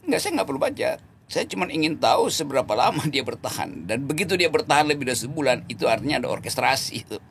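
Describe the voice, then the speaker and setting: Gravelly, animated man mocking politicians. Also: mid-range voice, fast talker, a little hiss or hum. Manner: mocking, sarcastic, laughs mid-sentence; repeats words while searching, self-correcting. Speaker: political commentator. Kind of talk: interview talk.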